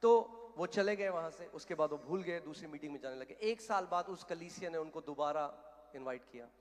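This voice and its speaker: A man's voice: a little high, a little fast. Man preaching in a long-reverb hall. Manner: emphatic storytelling, loud declarations. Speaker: pastor. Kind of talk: sermon.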